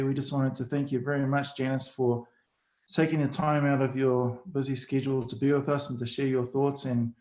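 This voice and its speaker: A man speaking as dean, giving formal thanks in a halting way with many fillers, over a video call. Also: mid-range voice, a little mellow. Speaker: dean of graduate studies. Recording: echoey room on a video call.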